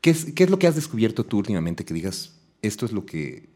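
A quick-talking man, hosting a relaxed conversation. He rattles through his questions, drops in constant little agreements, and keeps the talk moving. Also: on the low side. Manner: quick, chatty, frequent filler agreements. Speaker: podcast host. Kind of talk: casual conversational interview.

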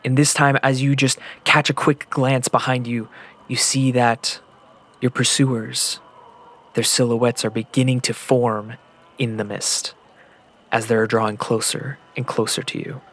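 Guy running a tabletop game, mid-pitched voice, talks it up slow and tense, repeats stuff for suspense. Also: flat delivery, fairly bright tone. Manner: descriptive, builds suspense with repetition. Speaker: game master. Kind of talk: second-person narration of a tabletop game.

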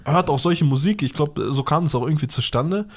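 A man's voice: fairly high pitch, fairly quick, slight background noise. A man, co-hosting a podcast and telling a funny story in playful, slangy chat. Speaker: podcast co-host.

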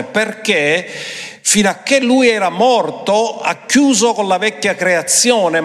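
A man preaching a sermon emphatically, switching between quick phrases and slow, drawn-out ones. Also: high voice, a bit bright. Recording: long hall reverb.

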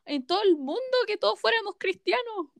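High-voiced young Chilean woman, slangy. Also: animated, fairly quick, gravelly, over a noisy crowd. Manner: joking, slangy, laughs often. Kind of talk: casual chat.

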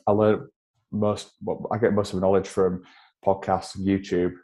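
Podcast guest: Yorkshire man in his twenties, deep mellow voice, chatty and self-deprecating. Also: flat delivery, normal speed. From Yorkshire, England. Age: 20s. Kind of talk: casual interview chat.

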